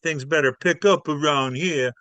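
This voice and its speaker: A man's voice: fairly high pitch, moderate pace, a bit bright, no room sound, natural voice. A man voicing a threatening mafia boss who runs a nightclub and talks in a bossy way. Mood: menacing. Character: menacing male mafia boss, older nightclub owner.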